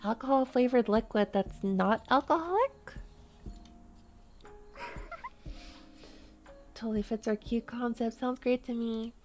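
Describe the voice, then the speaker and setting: With faint music behind her, a female VTuber streaming a game rambles in casual chat full of "like" fillers. Her fairly high voice has lively intonation, a slow pace, long pauses, and a slightly mellow quality.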